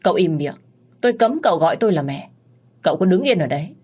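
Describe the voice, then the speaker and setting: A woman voicing a furious, protective middle-aged mother who shouts and scolds in a storybook reading. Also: lowish voice, lively intonation, quick pace, husky.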